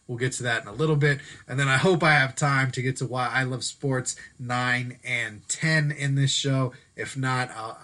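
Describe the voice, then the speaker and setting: A man's voice: medium pitch, bright, forceful tone. A man hosting a solo sports show in a casual, chatty way, sometimes stopping to correct himself. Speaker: sports podcast host. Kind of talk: solo sports commentary talk. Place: Denver.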